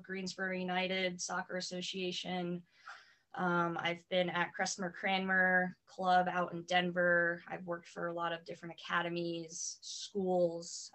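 A woman from the US East Coast, a soccer coach in her thirties or forties, talking through her career in a casual interview with many "um"s. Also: on the low side. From Connecticut, US East Coast. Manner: steady and matter-of-fact, many "um"s. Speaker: soccer coach and private trainer, podcast guest.

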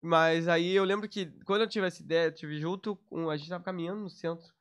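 A man from Brazil, a party organizer, telling lively, slang-filled stories in a casual chat. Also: on the high side, clear, resonant tone. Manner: fast, animated storytelling with slang.

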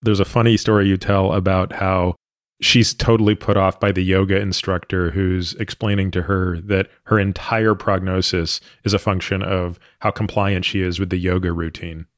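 A man's voice: low voice, flat delivery, moderate pace, no echo, clean studio sound. A man in his thirties hosting a podcast interview, earnest and thoughtful, explaining his views at length. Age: 30s. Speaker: podcast host. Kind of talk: long-form interview conversation.

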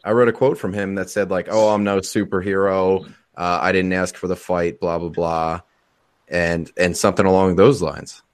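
A man's voice: low-pitched, flat delivery, normal speed, no room sound. A man co-hosting a casual hockey podcast, chatty and rambling, reading quotes aloud with jokes. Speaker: podcast co-host. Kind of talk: casual sports chat.

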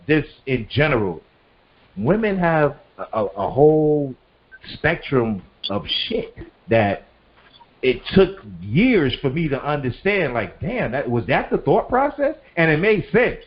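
A middle-aged man co-hosting a podcast in casual chat, animated, swearing freely and laughing often. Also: mid-range voice, a little slow. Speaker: podcast co-host. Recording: dull lo-fi sound.

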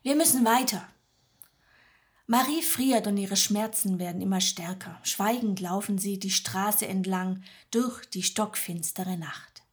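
A woman narrating a story in a calm, measured, scripted way. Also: mid-range voice.

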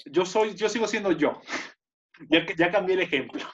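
A man's voice: sits high, normal speed, a bit bright, dull audio. A young Mexican man co-hosting a podcast, ranting with playful mock outrage and joking with his co-host. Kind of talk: casual chat.

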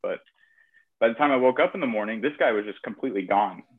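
A man's voice: on the low side, fast talker, husky. A young man telling a long story in casual chat, rambling with lots of fillers. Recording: tinny phone-like audio.

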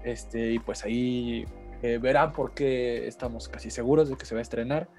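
A man's voice: mid-range voice, fairly even intonation, normal speed, a little mellow, soft background music. Mexican man in casual podcast talk. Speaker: podcast co-host.

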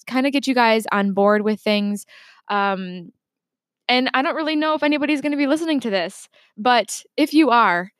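A young woman in her twenties talks through a casual solo podcast intro from her desk at home. She sounds chatty and reflective, trailing off and restarting her thoughts. The sound is dry and close, with no room echo. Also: on the high side. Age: 20s. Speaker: podcast host.

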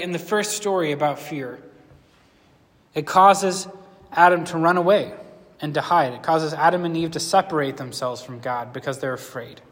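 Male pastor, slightly high voice, mild lisp, chatty earnest preaching, reverberant hall. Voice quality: slight lisp from a sore lip. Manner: conversational, earnest, asks the congregation questions. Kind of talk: sermon.

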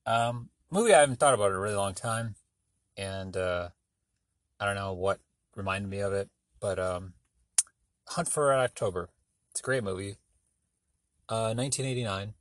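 Man, low voice, dry close sound, rambling podcast monologue, lots of ums. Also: normal speed, pauses often, dry recording. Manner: rambling, meandering, filler-heavy; offhand, self-deprecating. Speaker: podcast host. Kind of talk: solo casual monologue.

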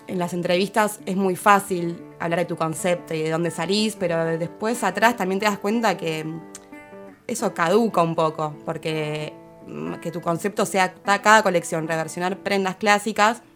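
Low-voiced Rioplatense woman chatting fashion. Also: moderate pace, fairly bright tone, soft background music. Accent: Rioplatense Spanish. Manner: thoughtful, many affirming fillers. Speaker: fashion commentator. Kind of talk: casual panel chat.

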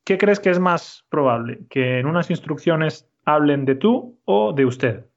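Male language teacher, patient and clear, a bit high-pitched, muffled recording. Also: lively intonation. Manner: patient, slow and clear, repeats answers. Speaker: Spanish teacher. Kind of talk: conversational language lesson.

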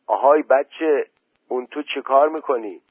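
A man doing a loud village headman calling out. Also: medium pitch, lively intonation, husky, dry recording, voice pushed up. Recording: tinny phone-like voice message.

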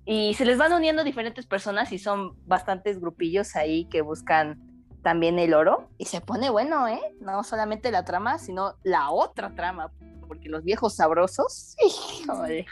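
A woman's voice: mid-range voice, animated, moderate pace, soft background music. A young adult woman with a Mexican accent, co-hosting a casual comedic podcast in a slangy, playful, self-mocking way. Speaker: podcast co-host.

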